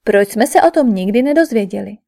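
A woman's voice: medium pitch, expressive, creaky, warm tone. A woman voicing an anguished prince who implores his mother, read for an audiobook in an imploring tone. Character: anguished eldest prince, a grieving son. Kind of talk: audiobook character reading.

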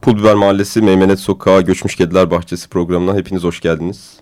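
A man hosting a radio discussion program, with a deep, booming voice and a relaxed, hesitant delivery full of fillers. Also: racing, soft background music. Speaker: radio show host.

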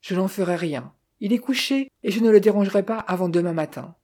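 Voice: mid-range voice, animated, fairly quick, mellow. A reader voicing a young, idle male heir who speaks in an offhand, detached way.

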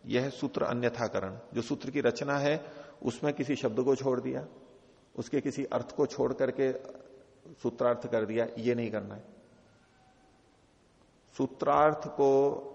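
A man's voice: medium pitch, vocal fry. A man teaching scripture, explaining patiently with repeated rephrasing and worked examples. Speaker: teacher of philosophy. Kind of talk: scripture lecture. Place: teaching hall of a religious retreat. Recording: dull, echoey hall recording.

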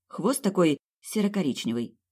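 A woman's voice: fairly low pitch, moderate pace, breathy edge. Wry woman narrating comic fantasy. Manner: wry, sarcastic, lively. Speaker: audiobook narrator.

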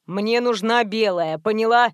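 A woman voicing a rude, menacing young male thug in an audiobook, with a slow, low, threatening drawl. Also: clean tone, no room sound, clean studio sound, lightly acted. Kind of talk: audiobook reading.

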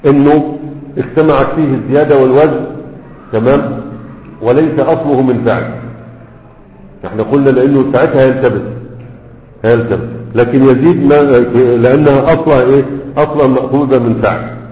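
A man's voice: medium pitch, fairly quick, pauses often. A man with an Egyptian Arabic accent teaching a grammar class, explaining step by step and checking that his students follow. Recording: tinny lo-fi recording in an echoey hall.

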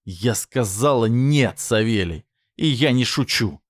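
A man's voice: lowish voice, big pitch swings, moderate pace, dry recording, clean studio sound. A man voicing a frightened but defiant young woman who answers firmly and sharply. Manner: firm, clipped defiance.

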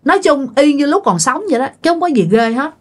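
A woman's voice: sits high, animated, fast. A woman telling a ghost story in a casual, chatty way, often speaking straight to her listeners. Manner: chatty, addresses listeners directly.

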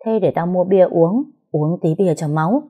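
A woman voicing a young female friend who chats and teases quickly. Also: on the low side, phone-quality sound, close to an everyday voice. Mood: teasing. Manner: quick, teasing.

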